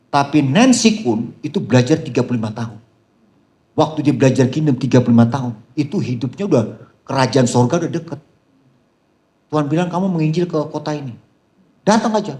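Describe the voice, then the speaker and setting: Speaking fairly quickly in a mid-range voice and pausing often, this pastor delivers a sermon full of humorous stories with a certain flavor. He laughs frequently, addresses the congregation as "saudara," and becomes animated, voice climbing when he's excited.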